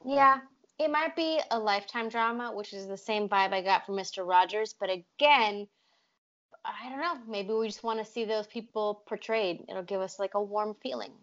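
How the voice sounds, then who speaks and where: A woman hosts a relaxed trailer-reaction chat with a wry, pessimistic edge. Her voice sits mid-range, and the audio is dull and lo-fi. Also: medium pitch, moderate pace. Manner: wry, self-described pessimist. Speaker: host.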